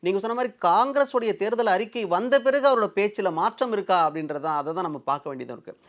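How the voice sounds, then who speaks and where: A man's voice: high voice, fast. A man hosting a political interview, setting out context at length before putting his questions. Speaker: interviewer, host.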